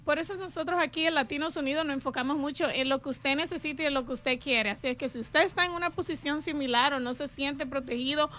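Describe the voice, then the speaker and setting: A woman's voice: sits high, quick pace, hardly any pauses, sharp tone. A woman with a Caribbean Spanish accent giving earnest, spontaneous advice directly to listeners as a real estate agent on a show. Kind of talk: spontaneous advisory talk to listeners.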